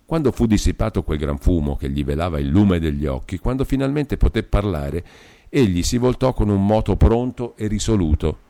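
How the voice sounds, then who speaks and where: A man reading a classic novel aloud in a measured, expressive narration. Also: low-pitched, gravelly. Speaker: audiobook reader. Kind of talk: scripted literary narration.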